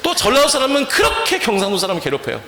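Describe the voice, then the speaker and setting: Man preaching in a church, high and animated voice, questions the congregation, echoey hall. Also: racing. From Chungcheong, Korea. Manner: asks the congregation questions and leads call-and-response. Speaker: pastor. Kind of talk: sermon. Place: church sanctuary.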